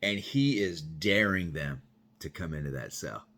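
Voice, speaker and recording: Slangy low-voiced man telling a story. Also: animated, measured pace, a bit bright. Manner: rambling and slangy, leaning on fillers like "you know" and "bro". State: sweaty after yard work. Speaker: vlogger telling personal stories. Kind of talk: casual spoken storytelling.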